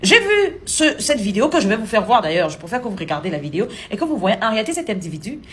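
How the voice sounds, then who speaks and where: A woman's voice: mid-range voice, sing-song, quick pace, a bit bright, a little hiss or hum. A woman from Cameroon, giving indignant, sarcastic opinion commentary to camera as a vlogger.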